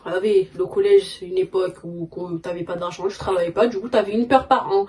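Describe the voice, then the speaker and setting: A woman's voice: mid-range voice, animated, fairly quick, darkish tone. A young woman chatting casually in a vlog, rambling and slangy with lots of fillers. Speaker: vlogger. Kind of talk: casual chat.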